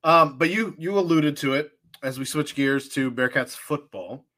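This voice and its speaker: A man's voice: fairly high pitch, moderate pace, pushed and bright. Man hosting a casual sports podcast. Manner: steers the talk, rundown of college football news, laughs easily. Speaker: podcast host.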